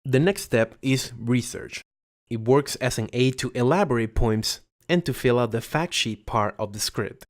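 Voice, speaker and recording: A video creator with a mid-range voice reads his own scripted voiceover in a measured, formal manner, sitting close to a USB condenser mic at home.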